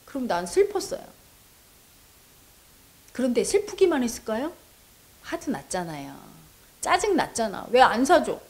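Woman meditation teacher coaching someone through feelings, earnest and coaxing, voice swoops up and down a lot. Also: a little high. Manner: addresses the listener directly with coaxing prompts; earnest, persuasive, acts out quoted voices. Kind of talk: counseling talk answering a viewer's question.

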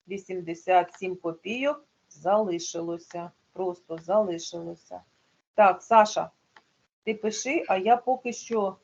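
A woman's voice: lowish voice, darkish tone, highs cut off. Patient woman teacher on a video call. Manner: patient, explaining step by step. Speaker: primary school teacher. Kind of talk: online class teaching.

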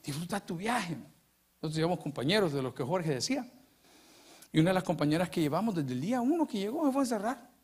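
A middle-aged Salvadoran pastor preaching in church, his fairly high, husky voice leaping up and down as he acts out anecdotes. He speaks with a Salvadoran accent and a playful, storytelling manner. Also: very fast. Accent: Salvadoran Spanish. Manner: animated storytelling, acting out dialogue, jokes. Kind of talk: lively sermon with anecdotes. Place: church sanctuary.

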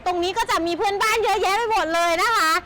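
A woman with a strikingly high voice hosts a chatty sales walkaround, gushing with enthusiasm over what is on offer. The recording is noisy and handheld, with vehicle sounds behind her. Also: fast talker. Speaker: motorbike shop sales host and presenter.

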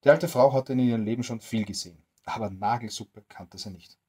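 A storyteller reading a bedtime story aloud to children, in a gentle, expressive way. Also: mid-range voice, brisk, breathy edge.

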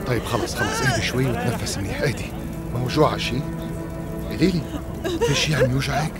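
A man voicing a gentle Levantine comforter. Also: medium pitch, expressive, fast, loud music behind the voice, natural voice. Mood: soothing. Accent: Levantine Arabic. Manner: gentle, coaxing. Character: man calming an injured woman. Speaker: dubbing actor.

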